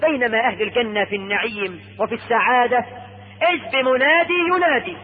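A male Egyptian preacher giving a sermon, telling the story with drawn-out, emphatic lines. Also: very high-pitched, husky, narrow, tinny audio. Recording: echoey hall over radio broadcast.

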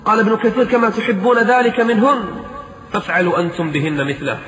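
A man's voice: high voice, fast talker, a bit bright. A man preaching a sermon, fervent and pleading, asking rhetorical questions and chanting verses in a sung tone. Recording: echoey hall.

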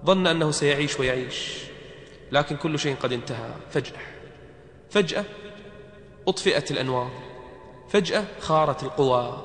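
A man preaching a sermon in a dramatic manner, sometimes chanting verses in a melodic recitation. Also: a little high. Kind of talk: sermon on death. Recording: echoey reverberant hall.

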